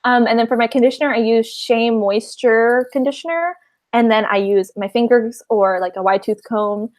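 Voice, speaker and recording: A woman's voice: on the high side, normal speed, a little mellow. A woman in her twenties co-hosting a casual book chat, giggly and rambling, on a video call. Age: 20s. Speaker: co-host of a book liveshow.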